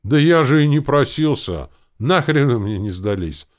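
A man voicing a gruff, good-natured male orc who talks in a rumbling grumble. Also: sing-song, moderate pace. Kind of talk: audiobook character voice.

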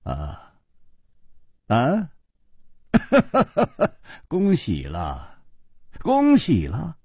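A storyteller voicing a calm, teasing male hero who speaks low and slow. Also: breathy edge, no echo, studio quality, full character voice.

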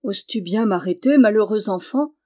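A woman reading the part of a mysterious fairy with a soft, slightly trembling voice. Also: mid-range voice, expressive, normal speed, natural voice. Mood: commanding. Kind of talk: audiobook character voice.

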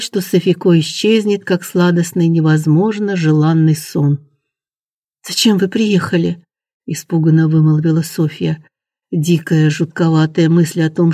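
A narrator reading a romance novel aloud in measured, dramatic storytelling. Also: mid-range voice, warm tone, no room sound, studio quality. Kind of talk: scripted audiobook narration.

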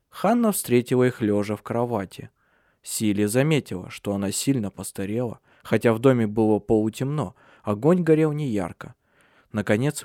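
A man narrating a novel as an audiobook in a steady, measured reading. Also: lowish voice, dry recording, studio quality. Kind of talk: scripted narration.

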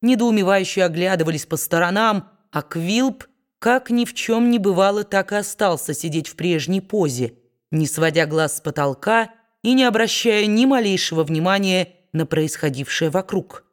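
A woman narrates an audiobook at a steady, measured pace. Her voice sits at an ordinary pitch.

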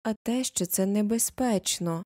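A woman's voice: mid-range voice, a little slow, mellow, dry recording, clean studio sound, natural voice. A woman voicing an unfriendly teenage village boy who speaks in warnings and ominous hints, in an audiobook. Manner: secretive, warning tone.

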